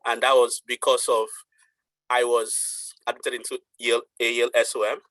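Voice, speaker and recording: A man's voice: medium pitch, little pitch movement, moderate pace, a bit bright, no echo, poor audio. A man from Nigeria, an MBA student, introducing himself in short, plain phrases on a video call.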